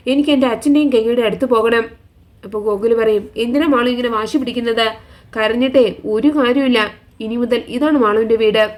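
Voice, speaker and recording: A woman retelling the plot of a TV serial in a chatty way, speaking every character's lines herself. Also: a little high. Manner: chatty, keeps the listener engaged. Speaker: storyteller.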